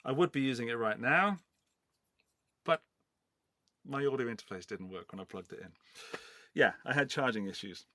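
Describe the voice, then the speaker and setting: With a mid-range, sharp-toned voice, this middle-aged Englishman pauses often while speaking at a normal pace. He's from the Forest of Dean in Gloucestershire and hosts a casual livestream giveaway in a loose, rambling, chatty style.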